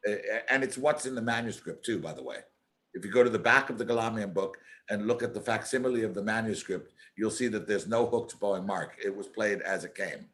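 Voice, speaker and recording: A man's voice: fairly low pitch, fairly quick, fairly bright tone. A man teaching a violin masterclass, earnest and emphatic, often repeating his key words. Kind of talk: masterclass coaching. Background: faint violin playing.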